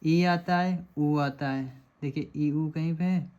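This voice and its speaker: A man's voice: fairly high pitch, fairly even intonation, slow, a little mellow, dull audio. A man teaching a lecture, working through quiz questions step by step and often checking that students follow. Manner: explanatory, repeats checks like "samajh rahe hain aap".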